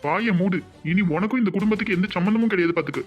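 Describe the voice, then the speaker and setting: Brief: man voicing a high-pitched, fast, angry cartoon father, Tirunelveli Tamil accent, over light music. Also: highs cut off, natural voice. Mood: furious. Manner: barking, threatening and blunt. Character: stern angry village father disowning his daughter. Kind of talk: cartoon voice acting.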